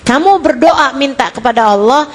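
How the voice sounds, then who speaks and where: A woman's voice: high voice, animated, moderate pace, low-quality recording. A woman preacher giving an emotive, conversational sermon to her sisters, acting out tearful prayers. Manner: emotive, acts out tearful prayers and crying children; addresses listeners as sisters, conversational. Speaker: female Islamic preacher.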